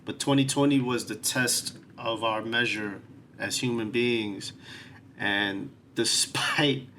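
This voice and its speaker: A man in his 40s from New York City opens his solo podcast, talking earnestly, casually and reflectively about his life and the show. His medium-pitched voice is steady, slow, pushed and bright, with a little hiss or hum in the background.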